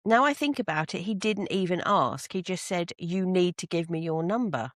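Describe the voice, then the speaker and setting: A woman voicing a posh woman in her sixties, reading a listener's letter in a measured way. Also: fairly low pitch, expressive, dry recording, studio quality, close to an everyday voice. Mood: reflective.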